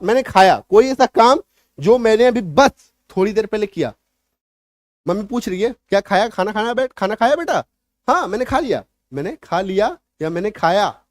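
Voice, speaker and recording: A man with a high voice teaches an English grammar class. He drills the example sentences again and again and keeps checking that his students follow. The sound is dry and close, with no room echo. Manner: repetitive drilling, frequent "ठीक है" check-ins. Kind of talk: spoken English lesson in Hindi.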